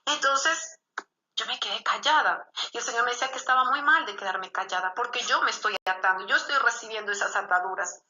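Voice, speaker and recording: Woman pastor, vivid bright tone, sermon full of "glory to God" interjections, roomy dull recording. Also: fairly high pitch, fairly quick, a little hiss or hum. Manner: peppers speech with "gloria a Dios" exclamations.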